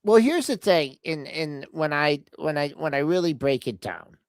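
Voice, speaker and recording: An older woman talking through the market with a measured, halting delivery. Her voice is fairly low but moves up and down freely. The recording is close and dry. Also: expressive, no echo. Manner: measured, hesitant, full of fillers and restarts. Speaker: co-host of a market show. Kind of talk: casual market talk.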